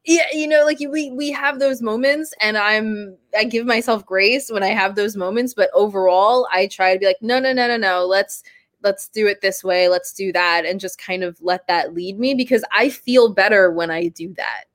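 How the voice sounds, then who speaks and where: A woman's voice: mid-range voice, moderate pace, no room sound. Candid woman in her thirties. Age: 30s. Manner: candid, laughs easily, casual swearing. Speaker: guest. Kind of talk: casual interview conversation.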